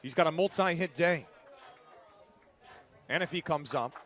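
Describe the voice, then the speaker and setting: With a slightly high, fairly bright voice and no rush, a man does punchy, clipped live sports play-by-play as the game's announcer, a stadium crowd audible behind him at an outdoor ballpark.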